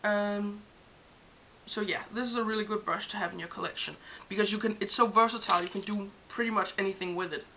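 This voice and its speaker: Talking fast in a mid-range voice with fairly even intonation, a young woman with a Danish accent presents makeup brushes. English isn't her first language, so her chatty tutorial is hesitant and full of ums, recorded at home in dull lo-fi with faint hiss.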